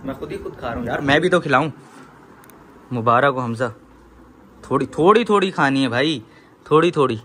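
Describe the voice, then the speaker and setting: A young man vlogging at home during a family celebration, teasing and exclaiming loudly. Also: mid-range voice, moderate pace, long pauses, slight background noise. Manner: excited, teasing, loud exclamations. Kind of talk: casual chat.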